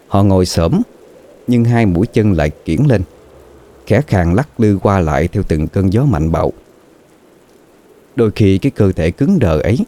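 Deep dark guy reading a horror story, lots of rise and fall, draggy spooky pacing. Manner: slow, dramatic, suspenseful. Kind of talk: scripted horror story narration.

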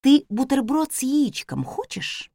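A woman's voice: high voice, sing-song, measured pace, dark tone, husky, no room sound, clean studio sound, voice pushed up, heavily acted. A woman voicing a bold young wizard's wife who speaks in a commanding, playful way.

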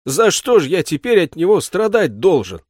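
A wailing, self-pitying shoemaker servant as the man reading the story puts him on, pitched well above his narrating voice and loud. He pleads with lively, swooping rises in a dry audiobook sound. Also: normal speed, no room sound. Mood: pleading lament. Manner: plaintive, pleading, high and loud. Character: whining put-upon male shoemaker servant.

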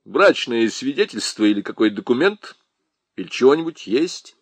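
A man's voice: mid-range voice, big pitch swings, moderate pace, breathy edge, no echo. Male narrator voicing a mocking bureaucrat lieutenant; drawling, mock-official, dry close audio. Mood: smug.

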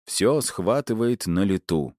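A man's voice: lowish voice, animated, takes it slowly, dark tone, no room sound, studio quality. A male audiobook narrator voicing a cheerful young man who laughs easily and teases. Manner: laughing, teasing.

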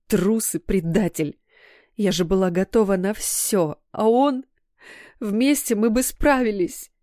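A woman voicing a betrayed, heartbroken young woman in an audiobook, breaking into high, sobbing outbursts. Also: slow pace, warm tone, no room sound, studio quality, natural voice. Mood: furious.

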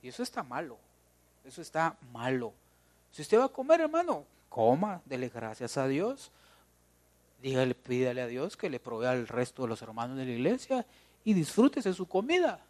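A man's voice: medium pitch, very animated, moderate pace, a little mellow. A man with a Guatemalan Spanish accent preaching a sermon in church, joking and talking straight to the congregation.

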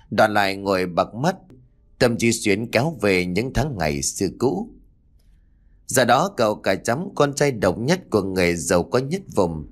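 Expressive male audiobook narrator. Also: on the low side. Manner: dramatic, expressive. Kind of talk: storytelling narration.

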